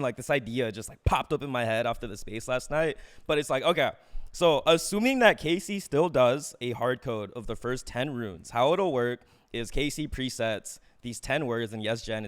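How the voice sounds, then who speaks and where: A man talking through a livestream headset mic, co-hosting a casual chat and rattling off eager explanations full of "like". His voice sits at an ordinary middle pitch for a man. The sound is close and direct, as from a mic near his mouth.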